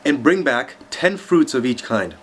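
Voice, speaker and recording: A man's voice: medium pitch, very animated, unhurried, slight background noise. A man voicing a stern male chief in a told joke, talking in a stiff, commanding way.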